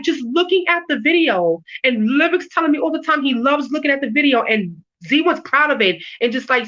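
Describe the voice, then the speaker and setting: A woman's voice: sits high, sharp tone, dull audio. A woman music artist being interviewed over a video call, talking bluntly and emphatically, swearing freely and restarting her words. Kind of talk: candid, emphatic interview talk.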